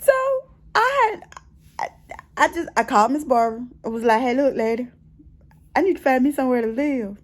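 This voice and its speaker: A middle-aged American woman chats casually in a personal vlog from her bedroom at home, her voice sitting high with lively intonation. She talks fairly quickly, pausing often, and tells her story expressively, repeating phrases for emphasis.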